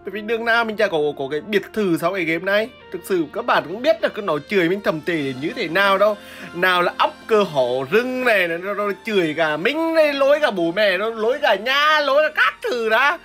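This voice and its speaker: A woman's voice: medium pitch, animated, a little fast, fairly bright tone, faint music behind. A woman giving live gameplay commentary, explaining her strategy and crying out and repeating words during fights. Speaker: gameplay streamer.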